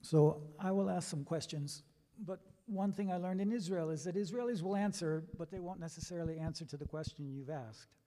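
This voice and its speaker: A man moderating a community panel from the bima, relaxed and joking. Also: a little high, brisk. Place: synagogue sanctuary. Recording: long hall reverb.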